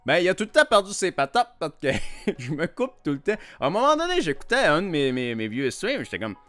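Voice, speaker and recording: A man's voice: on the high side, huge pitch swings, brisk, fairly bright tone, soft background music. A young man with a Québécois accent, chatting casually and teasing his viewers while streaming a quiz game, laughing often. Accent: Québécois French. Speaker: Twitch streamer. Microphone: desk microphone.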